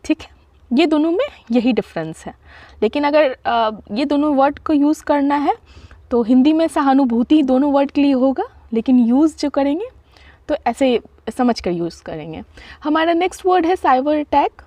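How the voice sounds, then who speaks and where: Indian woman, high voice, dry close sound; patient vocabulary teacher who spells words out letter by letter. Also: expressive, mellow, no room sound. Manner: spells words letter by letter, reads English definitions slowly. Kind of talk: explaining word meanings.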